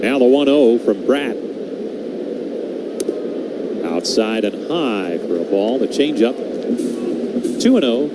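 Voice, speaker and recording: A male baseball announcer does live radio play-by-play over heavy noise, mixing clipped pitch calls with conversational asides. His voice is expressive and slow, with frequent pauses, over the broadcast's constant background hum.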